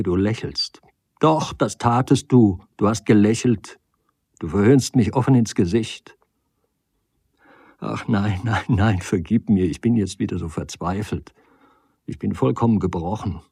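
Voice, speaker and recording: A man's voice: deep voice, dark tone, breathy edge, no room sound, studio quality, exaggerated voice. A man reading the part of a desperate woman who weeps, pleads and reproaches her lover. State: crying.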